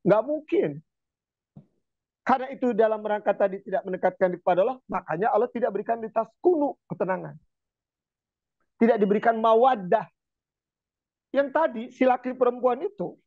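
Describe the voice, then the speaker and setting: A man preaching in a relaxed, chatty way, telling stories with lively turns and chanting verses slowly. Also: sits high, no room sound. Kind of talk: casual religious talk. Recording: tinny phone-like sound.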